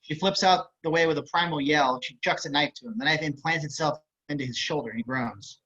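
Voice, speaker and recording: Over slightly muffled video-call audio, a man reads a screenplay's action lines as scripted narration. His voice is a little high and sharp, and he goes at a slightly quick pace.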